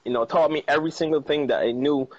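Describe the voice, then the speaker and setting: A man with a Barbadian accent talks casually over a video call, his voice a touch high for a man and often breaking into laughs. He likes to repeat words for emphasis. The sound is dry and a little muffled, as if through earphones. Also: quick pace, dry recording. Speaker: guest, trader and chef. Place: outdoors on a sunny patio. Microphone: earphone mic on a video call.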